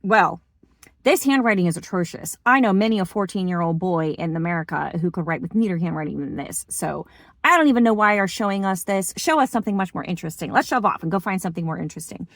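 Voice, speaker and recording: A man's voice: high-pitched, expressive, fast talker, vocal fry, a bit bright, no echo, clean studio sound, full character voice. A woman voicing a mocking American traveler who brushes off a historic document with sarcastic disdain. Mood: scornful. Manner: sarcastic, dismissive.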